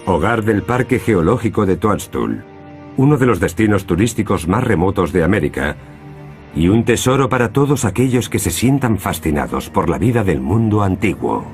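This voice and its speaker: A man's voice: lowish voice, sing-song, normal speed, a little mellow, soft background music. A man reading scripted nature documentary narration.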